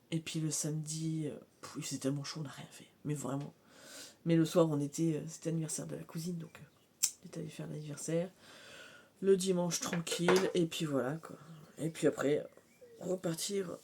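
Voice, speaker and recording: A woman's voice: deep voice, creaky, mellow. Woman in her thirties, home vlogger, rambling chat full of fillers, faint hiss behind. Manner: rambling, many fillers and trailing pauses. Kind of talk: casual vlog chat. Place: mobile home on a hot day.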